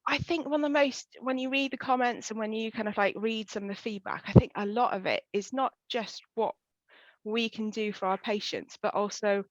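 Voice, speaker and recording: A woman's voice: on the high side, moderate pace, dry recording, muffled recording. A woman with a Welsh accent, a pelvic health physio, chatting casually in an interview with lots of fillers. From West Wales. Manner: chatty, frequent fillers, quoting herself.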